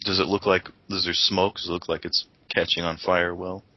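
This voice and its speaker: Deep-voiced man playing a tabletop game. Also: level tone, normal speed. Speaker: player. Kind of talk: casual tabletop play. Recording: dull lo-fi dry sound.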